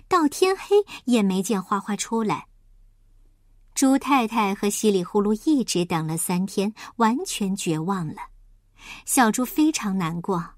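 A woman narrating a children's story in an expressive, lilting storyteller's manner. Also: medium pitch, no echo, clean studio sound.

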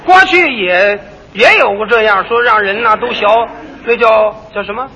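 High bright-voiced crosstalk comic. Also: male voice, normal speed, big-room sound, lo-fi sound, a little hiss or hum. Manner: lively, explanatory, fond of mimicking street talk. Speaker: lead comic in a crosstalk duo. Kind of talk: stage crosstalk comedy.

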